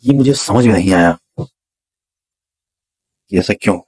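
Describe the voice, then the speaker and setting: Deep husky man telling a spiritual story. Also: a little mellow. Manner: slow, dramatic storytelling with repeated words for suspense. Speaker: spiritual teacher. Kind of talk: storytelling a personal spiritual experience.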